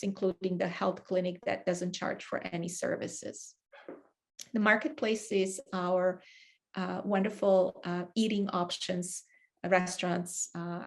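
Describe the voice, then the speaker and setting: A woman's voice: mid-range voice, creaky. A woman recruiter presents a webinar in a mid-range voice. She runs through long lists of services with frequent fillers. Her tone is informative. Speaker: university recruiter.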